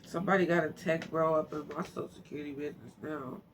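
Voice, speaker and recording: Fast-talking and deep-voiced, with fairly even intonation, a woman reads a book aloud informally as an amateur narrator. She stumbles over words and muses to herself in chatty asides, against faint background noise.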